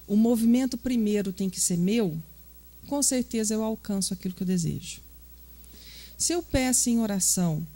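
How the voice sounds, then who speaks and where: In a spiritist center hall, a Brazilian woman with a Minas Gerais accent gives an earnest, conversational spiritist lecture in Portuguese. Her voice is medium-pitched and mellow, and she often poses questions to the audience.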